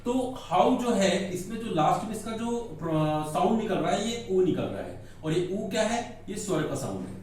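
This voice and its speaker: A man's voice: sits high, very animated, normal speed, hardly any pauses, a little mellow, slight background noise. Male grammar teacher who poses questions and answers them, recorded from a distance in a very echoey room. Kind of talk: classroom lecture explaining in Hindi.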